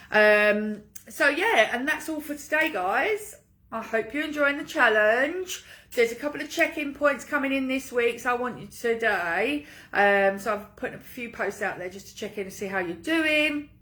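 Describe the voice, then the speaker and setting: Bright-voiced woman coach, casual and emphatic. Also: a little high. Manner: informal pep-talk address with emphatic repetition. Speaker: coach leading an online group challenge. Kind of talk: casual livestream coaching talk.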